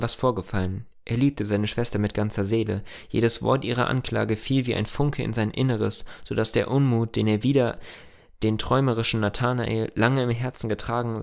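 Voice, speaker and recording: Gravelly-voiced man reading a classic tale. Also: medium pitch, darkish tone. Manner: plain reading with small slips and restarts. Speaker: audiobook reader. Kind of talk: reading a classic novella aloud.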